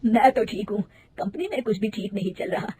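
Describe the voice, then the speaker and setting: A woman's voice: mid-range voice, expressive, brisk, mellow, a little hiss or hum, natural voice. A woman voicing a friendly old male clerk in a cartoon story, talking in a confiding, worried way.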